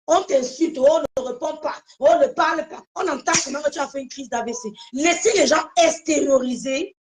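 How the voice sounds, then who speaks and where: A woman's voice: high voice, moderate pace, background noise. A woman hosting a casual live stream, speaking emphatically to her viewers and often repeating her phrases.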